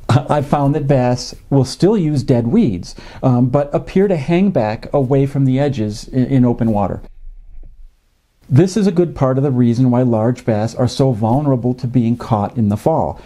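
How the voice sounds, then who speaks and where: A man in his fifties explains fishing in a measured, educational way, with frequent "uh" fillers. He sits in a home office. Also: medium pitch, warm tone. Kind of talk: educational narration. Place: home office with a desktop computer.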